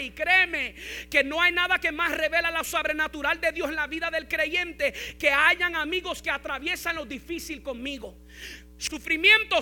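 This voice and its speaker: High, bright-voiced preaching man. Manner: preaching with rising intensity, repeating key phrases. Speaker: pastor. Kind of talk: sermon.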